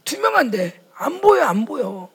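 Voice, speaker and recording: A woman, a pastor's wife, preaching a sermon to fellow pastors' wives in a dramatic way, acting out quoted voices and swinging from loud outbursts to whispers. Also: sits high, big pitch swings, a little slow, husky.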